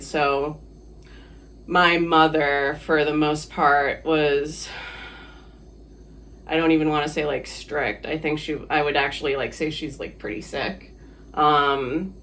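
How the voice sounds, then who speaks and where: A man's voice: on the high side, fairly bright tone. A man from the Philippines, a guest on an interview podcast, talking casually and hesitantly with many fillers and easy laughs.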